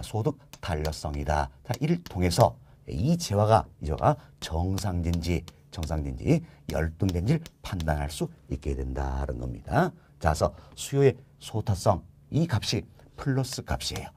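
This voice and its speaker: A man's voice: extremely low pitch, dark tone, slightly rough. A man teaching an exam-prep lecture. He keeps asking his students rhetorical questions, repeats key terms, and stretches out the words he wants to stress. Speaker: real estate exam instructor. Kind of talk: recorded online lecture.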